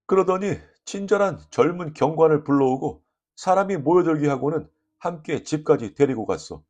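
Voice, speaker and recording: A man reading a short story aloud as an audiobook narrator, lively and expressive, voicing the dialogue. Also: a little high, normal speed.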